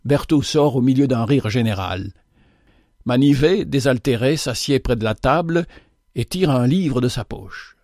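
A man's voice: medium pitch, darkish tone, no echo. Man narrating a story, dry sound. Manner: measured storytelling.

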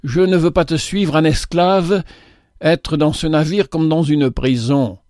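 A man's voice: a little high, unhurried, a little mellow, no echo, pitched above the performer's own voice, natural voice. A man reading aloud, putting on a proud young brother from a storybook parable. He speaks with defiant pride in a raised, firm voice, and the sound is close and dry.

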